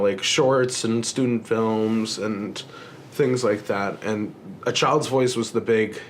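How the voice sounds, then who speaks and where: A man's voice: lowish voice, slight background noise. A man talking casually in a vlog, with lots of fillers and restarts and the odd swear. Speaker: filmmaker vlogger. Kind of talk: casual chat.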